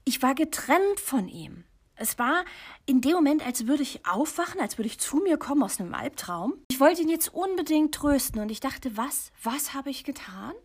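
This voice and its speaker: A woman's voice: high-pitched, very animated, moderate pace. A middle-aged woman hosting a podcast for mothers, telling a painful personal story to the listener in an intimate, confessional way that often drops to a near whisper. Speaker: podcast host and coach for mothers.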